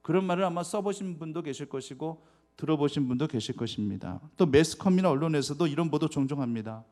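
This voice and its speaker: Pastor preaching, higher-pitched man. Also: animated, quick pace. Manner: rhetorical questions to the congregation, swinging between loud emphasis and soft asides. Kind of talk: sermon. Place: church sanctuary.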